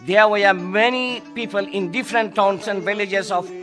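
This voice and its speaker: A man reading a first-person testimony as a steady voice-over. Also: high voice, moderate pace, over music.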